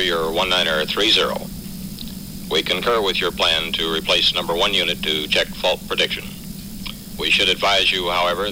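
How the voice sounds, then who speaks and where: A man playing a mission control operator speaking over a radio transmission, calm and clipped in radio procedure. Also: low-pitched, background noise. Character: steady male ground controller on the radio. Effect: radio transmission from ground control.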